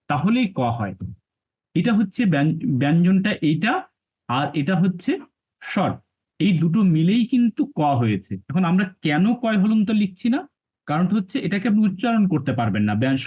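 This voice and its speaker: Patient man teaching letter sounds, phone-like. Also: on the high side. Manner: patient, recites letters one by one, explains step by step. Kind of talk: spoken lesson on letter pronunciation.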